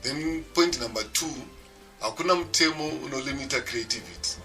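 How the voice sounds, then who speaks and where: Recorded on a phone with the mic at a distance, a Zimbabwean man delivers a WhatsApp voice-note lecture as a music producer giving a seminar. He has a low voice with a sharp tone, and his explanations blend English and Shona within sentences.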